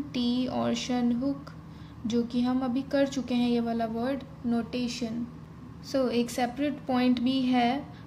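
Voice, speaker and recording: A woman's voice: high-pitched, darkish tone. A woman teaching shorthand, spelling out each stroke one by one in a patient step-by-step tutorial. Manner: spells out strokes one by one, mixing Hindi and English. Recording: faint ambient noise.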